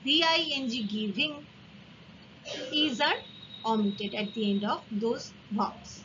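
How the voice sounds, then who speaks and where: A woman with a fairly high, fairly bright voice teaches English grammar extremely slowly, patiently explaining spelling rules. She repeats each example and spells words out letter by letter, on a slightly dull, faintly hissy recording.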